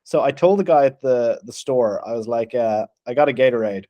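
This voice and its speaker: An Irish man co-hosting a podcast, telling animated stories, acting out quotes and swearing freely. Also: mid-range voice, a little fast, no echo. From Ireland. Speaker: podcast co-host. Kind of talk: casual storytelling chat.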